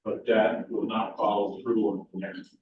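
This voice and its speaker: Low-voiced man at public comment, matter-of-fact, heavy hall echo from far off the mic. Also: flat delivery, normal speed. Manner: matter-of-fact, explaining with filler ums. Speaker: former town official speaking at public forum. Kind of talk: public comment at a town meeting. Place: town meeting room. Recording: echoey, distant, dull hall recording.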